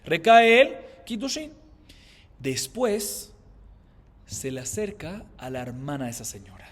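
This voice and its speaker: Man, rabbi teaching Talmud, high voice, long reverb, asks and answers his own questions. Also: very animated. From Colombia. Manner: explains by asking and answering his own questions, repeats points; chants Aramaic quotations slowly. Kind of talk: Talmud class lecture.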